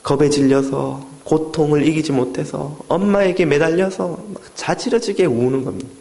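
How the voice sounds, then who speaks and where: A man's voice: on the high side, moderate pace, vocal fry, darkish tone. A middle-aged man preaching a sermon, telling a story dramatically and acting out the people in it. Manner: dramatic storytelling that acts out the quoted voices. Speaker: pastor.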